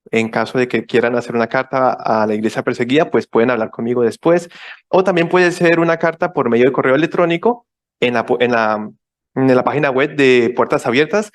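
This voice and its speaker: Man giving an explanatory church talk. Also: medium pitch. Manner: explanatory, repeats key points, checks in with listeners. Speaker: visiting ministry speaker. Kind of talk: church presentation.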